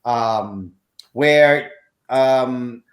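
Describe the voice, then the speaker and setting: A Vietnamese man in his fifties, a real estate investor appearing as a podcast guest, tells his life story in a casual interview. His mid-range voice moves extremely slowly in a roomy-sounding space, and he's earnest, repeats phrases, and uses slightly nonstandard English grammar.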